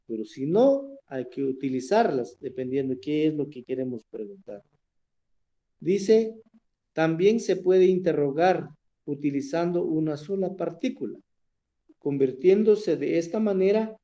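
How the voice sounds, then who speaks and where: Slow-speaking man teaching a class. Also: on the high side, dark tone. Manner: slow, explanatory, asks "verdad?" often. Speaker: language teacher. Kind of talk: online class lesson.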